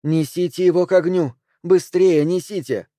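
A man's voice: medium pitch, animated, unhurried, a little mellow, no room sound, clean studio sound, lightly acted. A man reading an audiobook, voicing an insistent, commanding witch woman who calls out in a raised voice. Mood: urgent. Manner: insistent, incanting.

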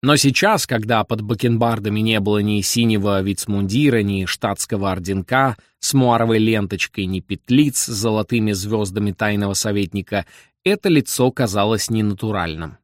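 A man reading a novel aloud as narrator, in an expressive storytelling manner. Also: on the low side, moderate pace, no echo, studio quality. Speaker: audiobook narrator. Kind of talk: scripted narration.

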